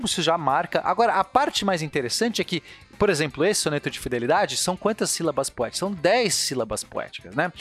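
Eager, slightly high-voiced Brazilian man. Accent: Brazilian Portuguese. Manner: explains eagerly, many restarts and fillers. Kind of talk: casual explanatory chat.

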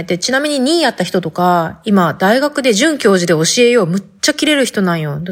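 A woman podcast host speaking in Hakata dialect, telling her story in a chatty, informal way. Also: medium pitch. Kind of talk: casual podcast monologue.

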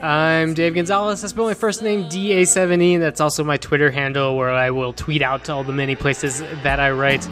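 A man's voice: on the high side, fairly even intonation, brisk, few pauses, a bit bright, soft background music. A man co-hosting a podcast in a casual, joking style of chat. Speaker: podcast co-host.

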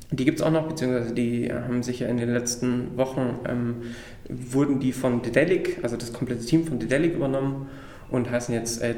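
A man at an ordinary middle pitch explains his job in an interview, pausing often and stringing his thoughts together with fillers. He was recorded on location, and a strong, roomy echo follows his voice. The space sounds large and reverberant. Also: darkish tone. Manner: hesitant, many fillers. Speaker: interview guest, games project manager. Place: on-site at an event venue, not a home studio.

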